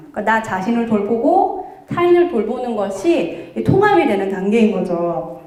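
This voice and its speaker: A woman in her thirties giving a lively lecture, telling her own stories and acting out what she once said. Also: high-pitched. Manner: animated, acts out her own past remarks in voices. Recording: very echoey room.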